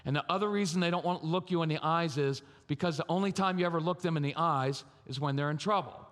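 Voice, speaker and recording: A man giving a lively, humorous talk at a parenting conference, speaking straight to the audience. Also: on the high side, quick pace. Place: large church or conference hall. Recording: reverberant conference hall.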